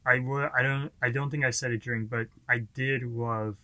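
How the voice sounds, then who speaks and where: A man's voice: medium pitch, steady tone, bright, forceful tone, no room sound. A young man reacts to a food video in a small room and talks in a casual, reflective way, often stretching out his phrases. His voice sounds dry and close. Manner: chatty, reflective, drawn-out phrasing. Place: small indoor room with posters.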